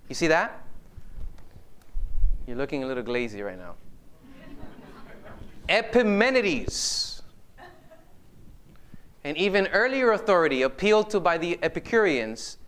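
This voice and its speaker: A man preaching a live sermon, his voice smooth and resonant and sitting a little high. He keeps it animated, firing questions at the congregation and slipping in joking asides. Each point comes from the pulpit to the people in front of him. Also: a little slow, pauses often.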